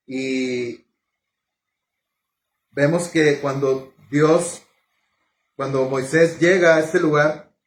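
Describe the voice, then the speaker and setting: Male preacher, sermon delivery, slightly high voice, halting, roomy echo. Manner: unhurried, halting, with fillers and self-corrections.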